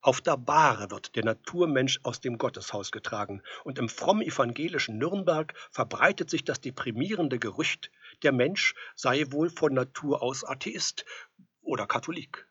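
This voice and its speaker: Very husky man narrating with wry irony. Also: mid-range voice, sharp tone, no room sound. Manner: wry, ironic storytelling. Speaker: storyteller. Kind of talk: scripted narration. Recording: dull lo-fi recording.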